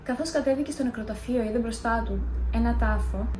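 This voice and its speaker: A woman's voice: fairly high pitch, warm tone, echoey room, slight background noise. A young woman in a casual vlog, chatty and self-mocking as she tells scary stories. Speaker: vlogger.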